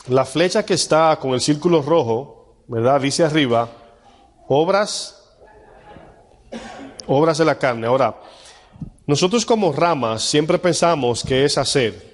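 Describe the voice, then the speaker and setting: A male pastor giving a conversational sermon, teaching and putting questions to his congregation in a church. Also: a little high. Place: church hall with live congregation. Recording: long hall reverb.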